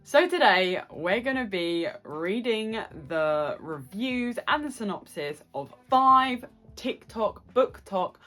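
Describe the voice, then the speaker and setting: A woman's voice: medium pitch, expressive, takes it slowly, a bit bright, soft background music. A woman with a cold and a nasal voice, chatting casually to camera as a book vlogger, bubbly and prone to tangents.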